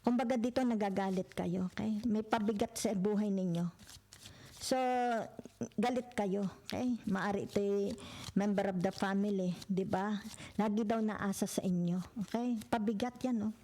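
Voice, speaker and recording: A woman with a Filipino accent giving a relaxed tarot reading to her viewers. She talks in a chatty, conversational way, mixing Tagalog and English and tagging her points with little check-ins like "okay?" and "di ba?". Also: medium pitch, moderate pace. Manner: chatty, peppered with "okay?", "di ba?" and "yan"; mixes Tagalog and English freely. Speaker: tarot reader.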